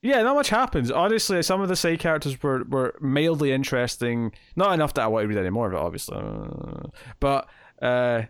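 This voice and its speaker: A man's voice: mid-range voice, sing-song, brisk, smooth, no room sound. A man co-hosting a podcast in casual chat, joking and laughing often. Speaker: podcast co-host.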